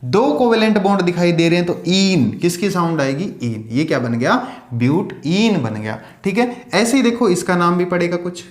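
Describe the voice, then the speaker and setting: Guy teaching science, high voice, asks then answers himself, counts out loud, roomy echo. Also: sing-song, moderate pace. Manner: counts aloud while drawing. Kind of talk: classroom lecture. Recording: echoey room.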